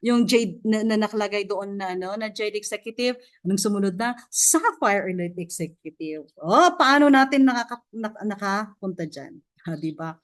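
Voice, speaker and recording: A woman gives a casual motivational talk to an online audience, speaking off camera. She is a chatty, encouraging mentor who speaks directly to her listeners. Her speech is halting, full of fillers and restarts. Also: medium pitch, expressive. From Philippines. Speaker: mentor sharing her success story. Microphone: off camera, online session mic.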